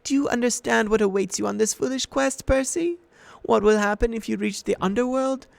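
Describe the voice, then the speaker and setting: A man's voice: very high-pitched, brisk, vocal fry, dry recording, voice pushed up, full character voice. A man voicing a sweet-voiced old female monster with a purring, coaxing manner in an audiobook. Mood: menacing. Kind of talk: audiobook character voice.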